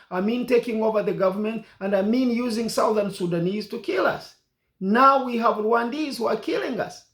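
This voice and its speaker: Impassioned high-voiced man. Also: fairly bright tone, roomy sound. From Uganda. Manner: impassioned, repeats and hammers points. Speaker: political commentator. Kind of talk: political monologue.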